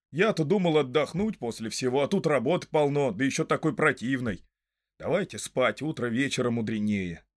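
A man's voice: medium pitch, close to an everyday voice. A man voicing a fed-up sturdy male hobbit in a storybook reading, blunt and exasperated.

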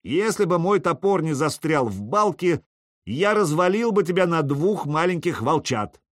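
A hearty, boastful Viking warrior, as a male narrator puts him on, pitched a little above the storyteller's own voice. Lively, exclaiming delivery in a dry, close recording. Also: moderate pace, no room sound. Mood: boisterous.

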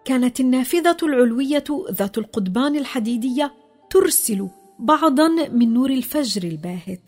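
A woman narrating a children's story, expressive and dropping low in the sad parts. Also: a little fast, soft background music.

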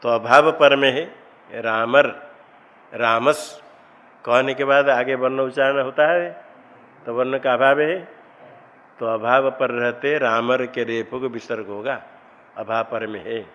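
A man's voice: medium pitch, steady tone, takes it slowly, long pauses, fairly bright tone, lo-fi sound. A man teaching a Sanskrit grammar class. He keeps quizzing his students and then recites the rules himself. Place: ashram classroom.

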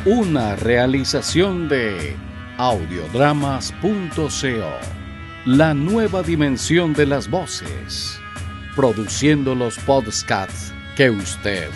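A man introduces an audio drama episode in a suspenseful, theatrical scripted style, speaking extremely slowly with big pitch swings. Music and rumbling sound effects play behind his voice.

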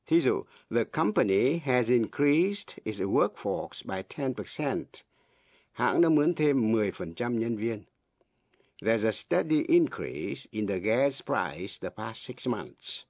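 A man teaching English on the radio, giving each word and example slowly, spelling words out letter by letter and translating them. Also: medium pitch, big pitch swings, no echo. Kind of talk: slow, deliberate language lesson. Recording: dry, dull lo-fi radio broadcast.

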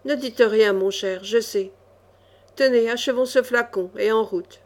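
A woman voicing a cool, ironic young male chevalier in a storybook reading, calm and mocking. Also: on the high side, measured pace, close to an everyday voice.

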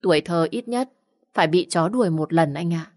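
A woman's voice: on the low side, normal speed, darkish tone, natural voice. A woman voicing a bold, mischievous young woman who teases and talks brashly. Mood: teasing. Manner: teasing, brash.

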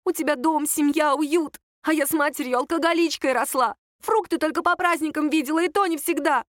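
Woman doing squeaky, tearful envious girl. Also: a little fast, no echo, clean studio sound, close to an everyday voice. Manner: squeaky, shrieking.

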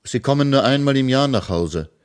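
A man's voice: mid-range voice, lively intonation, fairly quick, smooth, pitched above the performer's own voice, lightly acted. A man doing a serious little girl. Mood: earnest. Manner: earnest, matter-of-fact. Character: serious young girl, quietly burdened.

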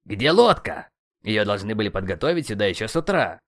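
A man's voice: lowish voice, sing-song, brisk. A man doing a grumbling hot-headed young warrior. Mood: indignant. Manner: complaining, shouting.

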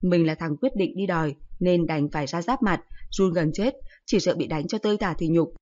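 Woman softly narrating a nostalgic story. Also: fairly low pitch, normal speed. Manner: gentle, nostalgic narration, voicing all the children. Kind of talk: audio story reading. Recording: slightly dull lo-fi audio.

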